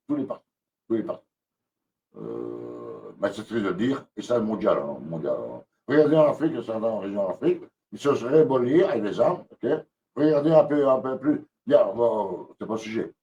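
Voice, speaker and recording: A man's voice: fairly low pitch, a little mellow, recorded from a distance, dull audio. A man ranting angrily on a live stream, repeating himself and hesitating often. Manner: agitated, repetitive, many hesitations. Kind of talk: angry live-stream rant.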